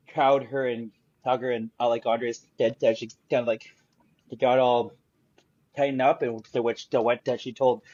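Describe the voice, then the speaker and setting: A man talks in a casual podcast chat, pausing often and filling gaps with "uh". His mic sounds dull and lo-fi, and his voice sits in a middle range. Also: mid-range voice, a little mellow. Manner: hesitant, many fillers. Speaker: podcast co-host.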